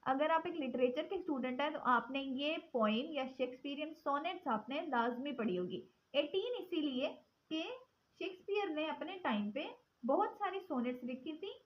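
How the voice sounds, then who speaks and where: High bright teacher, slow and dull-sounding. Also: female voice, animated. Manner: mixes Hindi-Urdu and English, reads English definitions slowly. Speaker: English literature teacher. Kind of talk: explaining poetry forms in a lesson.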